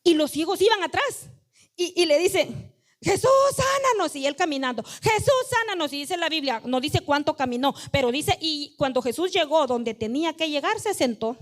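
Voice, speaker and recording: A woman pastor from Guatemala, preaching a sermon and retelling Bible stories in a lively storytelling way. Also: high voice, normal speed.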